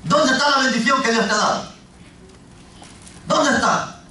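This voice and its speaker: A man preaching a fervent sermon as pastor, often rising to a shout. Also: very high voice, moderate pace. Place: church. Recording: echoey church hall, from far off.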